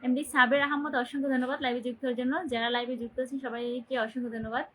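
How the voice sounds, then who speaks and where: A woman's voice: high-pitched, flat delivery, very fast, fairly bright tone, poor audio. A young woman from Bangladesh hosting a phone livestream, greeting viewers by name and cheerfully urging them to comment and share. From Barisal, Bangladesh. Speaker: livestream host. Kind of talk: casual livestream chat.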